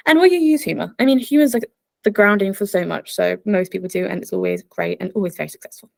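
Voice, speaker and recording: A woman's voice: mid-range voice, lively intonation, quick pace, gravelly, darkish tone, no echo. A young woman presenting an online workshop in a bubbly, chatty way, full of fillers. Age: young adult. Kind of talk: casual online workshop talk.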